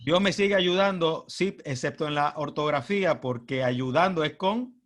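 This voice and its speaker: A man's voice: on the high side, moderate pace, a bit bright. A man from Puerto Rico with a Puerto Rican accent, giving a humorous, chatty presentation as a guest speaker and asking the audience rhetorical questions. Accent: Puerto Rican Spanish. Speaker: guest speaker at a club meeting. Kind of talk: informal presentation.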